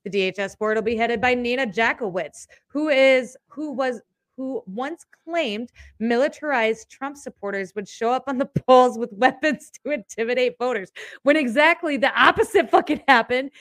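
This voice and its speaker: Sarcastic, high-voiced woman, dry recording. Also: moderate pace, dry recording. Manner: sarcastic, animated, swears freely. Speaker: podcast co-host. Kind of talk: casual political chat.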